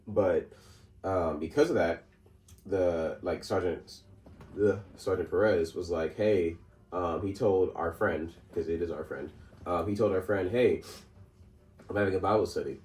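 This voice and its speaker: Deep and darkish, a man's voice comes from far off the mic, the room audible and a faint noise underneath. He's co-hosting a laid-back podcast, telling a rambling story packed with fillers, restarts and laughs.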